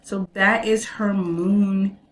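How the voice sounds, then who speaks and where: A woman's voice: medium pitch, fairly even intonation, slow, roomy sound, crowd noise, poor audio. A woman giving casual commentary on a clip, chatty, quizzing the viewer and listing traits.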